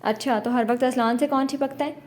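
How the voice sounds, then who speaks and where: A woman's voice: sits high, fairly even intonation, darkish tone, lightly acted. A woman voicing a serious, protective young husband in an audiobook romance, curt in tone. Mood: stern.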